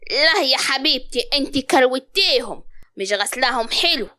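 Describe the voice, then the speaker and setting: A woman's voice: sits high, animated, moderate pace, pushed and bright, no room sound, clean studio sound. Woman playing a harsh Upper Egyptian mother-in-law. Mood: scolding. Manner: scolding, commanding.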